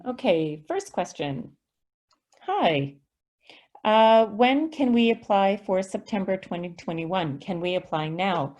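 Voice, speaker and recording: This school district representative, a woman, answers questions she reads aloud on an online video call, staying patient and explanatory in a webinar Q&A. Her voice is medium in pitch and darkish, expressive, and slow-paced.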